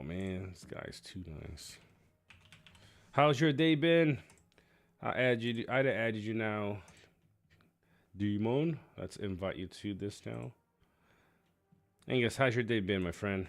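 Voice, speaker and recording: This game streamer keeps things casual, chatting and talking under his breath as he gets his setup ready. His voice sits on the low side and carries noticeable vocal fry.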